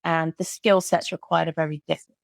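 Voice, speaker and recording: Speaking a little fast in a deep, flat, creaky voice, the woman is a burnout recovery coach from Britain chatting casually as an interview guest. She's keen about her coaching and repeats words for emphasis. The sound is dry and studio-grade.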